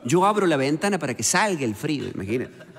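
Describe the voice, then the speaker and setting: A stand-up comedian from Córdoba speaks with a Cordobés accent, tossing off jokes with constant little conversational tags. His fairly high voice swings widely in pitch. The recording carries a long, reverberant tail and a faint background noise. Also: sing-song, fast, a crowd in the background. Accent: Cordobés Argentine Spanish. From Córdoba, Argentina. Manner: chatty joke-telling, peppered with "viste" and "eh" tags.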